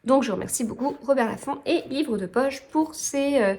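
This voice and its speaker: A woman's voice: sits high, moderate pace, darkish tone. A woman chatting casually about books as a vlogger, rambling and correcting herself as she goes. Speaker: book vlogger. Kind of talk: casual book chat.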